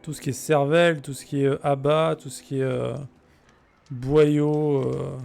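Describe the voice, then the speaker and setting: A man's voice: mid-range voice, level tone, measured pace, creaky, darkish tone, soft background music. A man chatting casually and jokingly while streaming a game, answering his viewers' messages. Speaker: let's play streamer. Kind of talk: casual gameplay chat with viewers.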